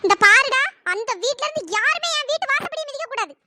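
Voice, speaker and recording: A performer voicing a sharp-tongued, furious middle-aged mother in a cartoon, scolding and shouting. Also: very high-pitched, animated, brisk, very noisy. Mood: angry scolding. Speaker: angry aunt. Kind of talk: pitched-up cartoon voice acting.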